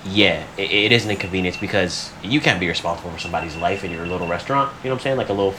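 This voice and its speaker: A man with a lowish voice talking casually on a podcast, relaxed and drawling, often agreeing with short replies. Faint noise hums under his voice. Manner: easygoing, drawling, quick to agree with "yep" and "mm-hmm". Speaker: podcast co-host. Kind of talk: casual chat.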